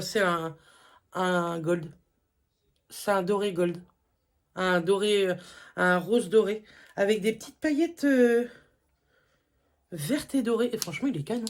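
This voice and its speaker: A woman, chatting casually through a beauty haul, full of fillers and enthusiastic asides. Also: on the high side. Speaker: beauty vlogger.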